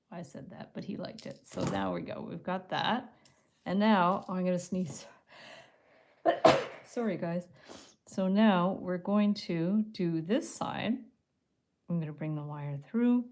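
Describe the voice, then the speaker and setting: A woman's voice: on the low side, lively intonation, measured pace. Woman murmuring through a craft demo. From Canada. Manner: chatty, drops to a soft murmur or whisper while concentrating on her hands. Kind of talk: live craft tutorial, thinking aloud while working.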